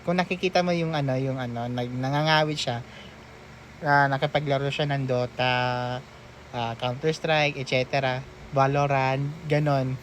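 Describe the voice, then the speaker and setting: A man's voice: mid-range voice, fairly even intonation, normal speed, slight background noise. A man hosting a reaction video, casually reading out posts and chats with teasing, mock-scolding remarks and frequent laughter.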